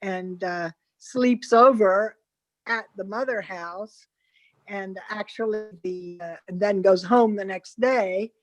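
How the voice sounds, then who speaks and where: A woman speaking as a guest on an online panel over a video call, her audio choppy and cutting out, halting and searching for words. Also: mid-range voice, no echo, poor audio. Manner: halting, searching for words with many pauses and fillers. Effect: choppy video call audio that keeps cutting out.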